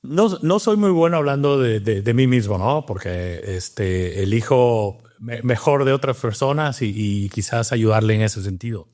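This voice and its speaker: A man from Cuba, both doctor and scientist, speaks in a medium-pitched, darkish voice that is animated and unhurried with few pauses. In a casual interview he reflects on his story, using lots of fillers and restarts.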